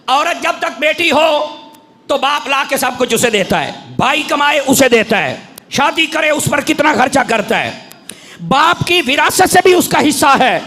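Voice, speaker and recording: A man with a Punjabi accent preaching a fiery sermon, shouting his points with emphasis. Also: very high-pitched, a little hiss or hum. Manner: shouting, emphatic, mixes in folk sayings.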